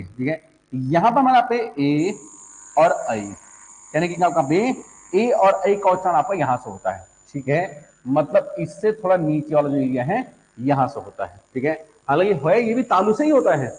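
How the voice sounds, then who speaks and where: A male teacher explains a diagram in class, repeating phrases and filling pauses with "okay" and "look". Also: sits high, darkish tone. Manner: repeats phrases, fills with "ठीक है" and "देखो". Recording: long echo in a hall.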